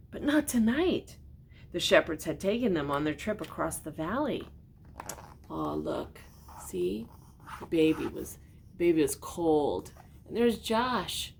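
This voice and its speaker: An older woman reads a children's storybook aloud, gentle and expressive, often turning to her young listeners with questions. Her voice is husky and fairly low in pitch.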